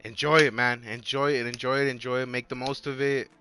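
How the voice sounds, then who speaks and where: A man in his twenties chatting casually on a livestream with a hoarse, worn-out voice, rambling in slang and repeating his phrases. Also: medium pitch, little pitch movement, a little fast, pushed and bright. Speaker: live game streamer.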